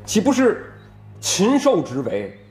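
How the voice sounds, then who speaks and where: A man's voice: deep voice, lively intonation, measured pace, faint music behind. An older actor playing a stern father who lectures in an indignant tone in a TV drama. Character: stern old father defending his daughter. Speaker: father of the young woman. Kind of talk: TV drama acting.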